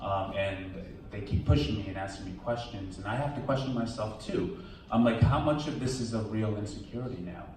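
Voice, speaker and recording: Heard from a distance in a reverberant hall, a man takes questions at a film premiere, the subject of the documentary. He talks openly and loosely, often repeating what he thought at the time, in a lowish, darkish voice at a fairly quick pace.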